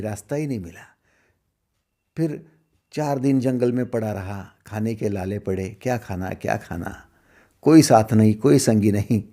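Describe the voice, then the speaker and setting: Speaking as a teacher, this middle-aged man delivers a spiritual discourse full of rhetorical questions. He alternates between forceful emphasis and quiet asides, and his voice sits on the low side.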